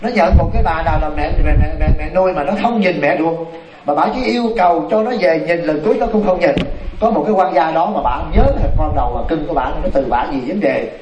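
A man, a Buddhist monk telling a story in a dharma talk, animated and speaking straight to his listeners. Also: on the high side, fast talker, muffled recording, a crowd in the background. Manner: animated, addresses the audience directly. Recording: echoey room, mic far off, noisy.

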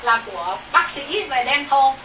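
A woman's voice: high-pitched, expressive, dull audio, noisy background. Hesitant woman asking from the back. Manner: hesitant, halting speech. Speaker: congregant asking a question. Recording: faint, distant, echoey hall audio.

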